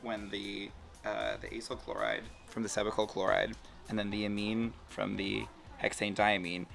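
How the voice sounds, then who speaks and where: An American man presents a science demo casually, with a campy, informal touch. His voice is bright and forward with plenty of vocal fry, over faint music. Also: fairly low pitch, expressive, moderate pace, far from the mic. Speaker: host, chemist presenter.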